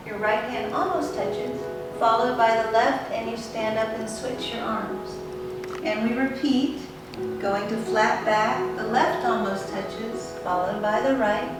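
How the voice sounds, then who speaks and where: Woman instructor in a very echoey room. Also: fairly high pitch. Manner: unhurried, instructive, short measured phrases. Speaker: tai chi instructor. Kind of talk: step-by-step guided movement instruction. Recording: very echoey room, distant mic, music behind.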